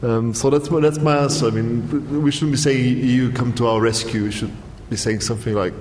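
A man answers a question on a panel in a measured, explanatory way, pausing often on ums. His voice rings out in a large hall with a long reverb and a faint background noise. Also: mid-range voice, steady tone, darkish tone.

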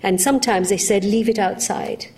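A woman from Uganda speaking on a panel, telling personal stories in a lively, frank way. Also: medium pitch, moderate pace. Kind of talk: anecdotal panel discussion.

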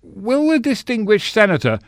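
A man voicing a portly, flustered halfling senator who squeaks and sputters, recorded dry. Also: very animated, moderate pace, no echo.

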